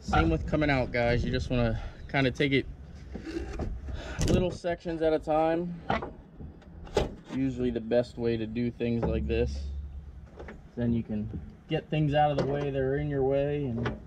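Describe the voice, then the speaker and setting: A man's voice: mid-range voice, moderate pace, pauses often, heavy background noise. Laid-back man talking while wrenching. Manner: laid-back, chatty, lots of "uh" fillers. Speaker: car vlogger. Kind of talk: casual how-to commentary while working. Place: outdoors on gravel by an engine hoist.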